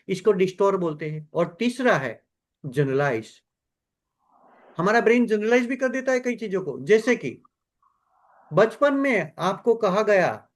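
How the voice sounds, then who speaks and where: A man, a doctor giving a self-help lecture in a lively, animated way, shifting his pitch and pace for emphasis.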